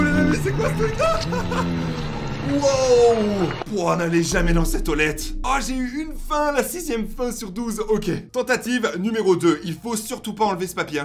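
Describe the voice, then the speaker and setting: Young male gaming streamer, excitable, chats to viewers, high animated voice. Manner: excitable, talks to viewers as "les amis", reads game prompts aloud. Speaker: gaming YouTuber. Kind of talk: let's play commentary.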